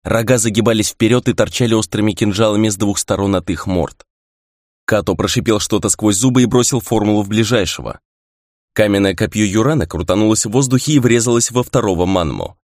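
A man reading a fantasy novel aloud in a lively narration style. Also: fairly low pitch, fairly quick, no room sound, clean studio sound. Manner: lively reading, raises voice for shouted lines. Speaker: audiobook narrator. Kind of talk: scripted narration.

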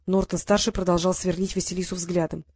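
A woman narrating a novel in an even, measured storytelling manner. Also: fairly low pitch, no echo. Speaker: audiobook narrator.

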